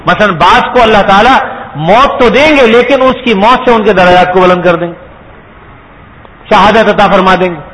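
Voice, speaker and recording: A man's voice: sits high, a bit bright, low-quality recording. A man giving a sermon, explaining patiently and asking his listeners rhetorical questions. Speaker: Islamic preacher.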